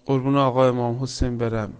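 A man preaching a sermon with stories, swinging between loud emphatic lines and soft hushed ones, reciting Quranic verses. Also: mid-range voice, level tone, smooth. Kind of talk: religious sermon with storytelling.

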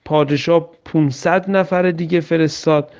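A man's voice: a little high, steady tone, creaky, a little mellow. A man preacher telling a religious story in a plain, conversational way. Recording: dull lo-fi recording.

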